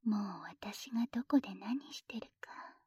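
A woman voicing a playful, teasing young lover in an intimate audio drama, whispering softly close to the microphone. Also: fairly high pitch, normal speed, slightly rough, no echo. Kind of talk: intimate whispered ASMR roleplay.

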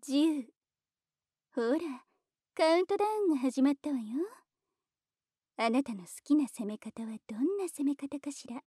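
A high, mellow-toned mistress, voiced by a woman, who teases and gives orders in a slow, coaxing manner. She slips often into soft whispers in this ASMR roleplay. The sound is close and dry. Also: animated, no echo. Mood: teasing, commanding. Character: teasing dominant adult woman, commanding and condescending.

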